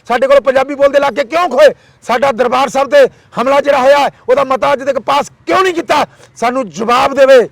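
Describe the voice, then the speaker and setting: A man's voice: very high voice, gravelly, no room sound. A man giving an impassioned interview, firing off rhetorical questions and repeated demands. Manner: fiery, rhetorical, repeats demands in rapid lists.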